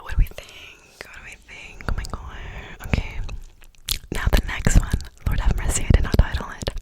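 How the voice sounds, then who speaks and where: A woman whispering close to the mic in an ASMR poetry reading, softly repeating words as triggers. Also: moderate pace, low-quality recording. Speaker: ASMR creator.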